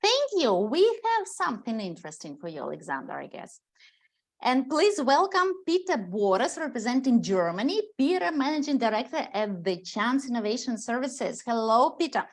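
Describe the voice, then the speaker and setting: A woman hosts a startup pitch event over video, introducing each judge with upbeat thanks. Her voice sits a little high. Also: sing-song, moderate pace. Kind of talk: online event hosting.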